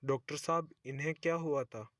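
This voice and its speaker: A man voicing a stern young husband and son in a cartoon story, commanding and quick to scold. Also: a little high, no echo, studio quality, natural voice. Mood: alarmed.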